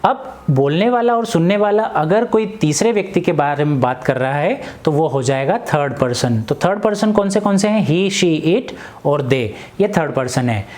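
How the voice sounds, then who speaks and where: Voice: mid-range voice, lively intonation, moderate pace, a little mellow. An English teacher explaining grammar in Hindi, asking questions and answering them himself, with repetition drills.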